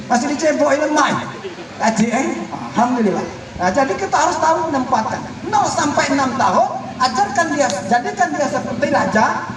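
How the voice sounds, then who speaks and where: High-voiced preacher in an echoey room. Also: male voice, far from the mic. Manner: animated, acting out quoted parents and children, bursts of shouting. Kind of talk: sermon. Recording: echoey room, voice from off-mic, faint noise.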